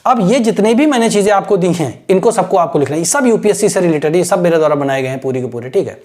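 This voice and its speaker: A man's voice: high voice, expressive, fast, darkish tone. A man teaching English grammar, explaining step by step and checking in with his students after almost every sentence. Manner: explains step by step with constant "right?" check-ins. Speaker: English teacher for exam aspirants. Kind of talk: mixed Hindi-English lecture.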